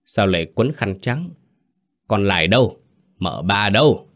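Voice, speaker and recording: A man's voice: lowish voice, animated, unhurried, fairly bright tone. A man voicing a tipsy, wealthy older village elder who calls out boisterously in a horror story. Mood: alarmed. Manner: boisterous calling, then alarmed.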